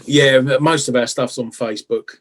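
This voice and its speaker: This British man's voice is medium-pitched and steady, moving at a normal speed. Being interviewed as a guitarist, he chats casually about music-making, often ending remarks with tag questions.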